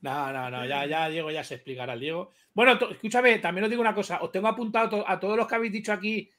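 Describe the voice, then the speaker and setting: Fast, bright-voiced man. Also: sits high. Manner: animated, swearing, talks over others. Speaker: livestream guest. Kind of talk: heated casual livestream chat.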